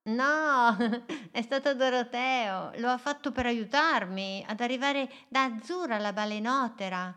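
Woman doing a little storybook boat, female, brave, earnest, eager, high-pitched. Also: unhurried, hardly any pauses, a bit bright. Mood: apologetic.

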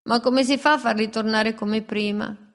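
A woman voicing a gentle, polite male wolf who is timid and bewildered, stammering when scared. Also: a little high, fairly even intonation, moderate pace, pitched above the performer's own voice, lightly acted. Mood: meek.

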